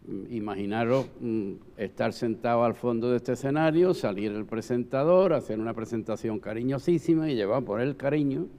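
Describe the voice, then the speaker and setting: Older gravelly man, reverberant hall. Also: mid-range voice, a little fast, hardly any pauses, dark tone. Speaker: panel guest, former Holy Week proclamation speaker. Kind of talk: reminiscing in a round-table talk.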